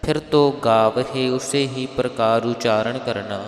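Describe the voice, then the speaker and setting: A man teaching careful recitation of scripture, chanting verse lines slowly and then explaining where to pause and how to pronounce each word. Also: mid-range voice, fairly even intonation, echoey room, big-room sound, soft background music. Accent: Punjabi. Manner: addresses listeners respectfully. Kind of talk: Gurbani pronunciation lesson.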